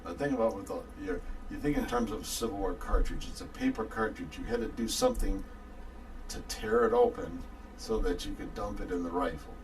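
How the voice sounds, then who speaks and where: A man's voice: lowish voice, animated, brisk, far from the mic, slight background noise. A man, a war reenactor guest, patiently explaining history and giving hints in a casual chat. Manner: patient, gives hints, chuckles often.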